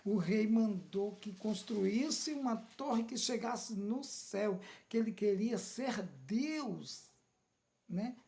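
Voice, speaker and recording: A woman's voice: mid-range voice, gravelly, dark tone. A woman with a Brazilian accent preaching a sermon, often checking in with the listener with "amen?" and "right?". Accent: Brazilian Portuguese. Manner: slow, questioning, asks "Amém?" and "né?" often.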